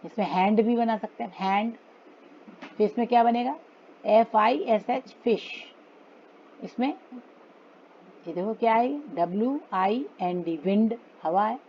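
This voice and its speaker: A woman's voice: fairly high pitch, measured pace, long pauses, dull audio, slight background noise. A woman teaching children phonics, patiently drilling English words in an Indian English accent.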